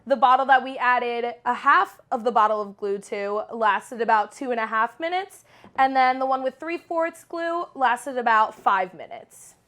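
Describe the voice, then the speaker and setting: A bright, high-pitched young woman walks through a simple kids' craft at home. Her tone is bubbly and chatty, with easy fillers, as if talking with a small child beside her. She sounds like a friendly home-video host. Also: normal speed. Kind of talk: instructional craft demo for kids.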